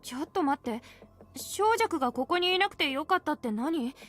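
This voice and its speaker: Lively skeptical young woman. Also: high-pitched, normal speed, soft background music. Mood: questioning. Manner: questioning and direct.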